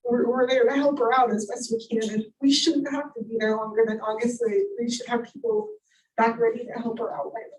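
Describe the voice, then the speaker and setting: Give me a higher-voiced woman at a public meeting, speaking haltingly and repeating herself. She is picked up from far off in a roomy council chamber. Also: animated. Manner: halting, repeats words while explaining. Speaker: resident making a request.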